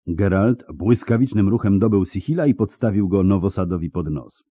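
Male narrator, very low voice, dark tone, dramatic reading, animated pitch. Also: moderate pace, husky, no echo, clean studio sound. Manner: vivid, dramatic storytelling. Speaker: audiobook narrator. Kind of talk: scripted narration.

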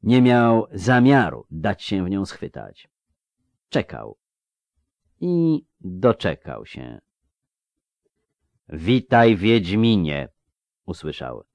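A man narrates a fantasy audiobook with a tense, suspenseful reading. His voice is low and very lively in pitch, and the recording is close and dry. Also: slow, creaky, long pauses, no room sound.

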